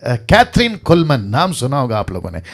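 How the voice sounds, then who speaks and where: A man's voice: mid-range voice, huge pitch swings, moderate pace, vocal fry. A man preaching a sermon as a pastor, emphatic and repeating lines for effect.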